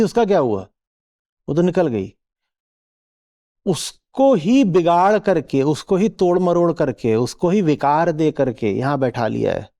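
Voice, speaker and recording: A man's voice: fairly high pitch, dark tone. A man teaching a live audience in a spiritual discourse, asking rhetorical questions and checking that listeners follow. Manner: acts out little quoted voices.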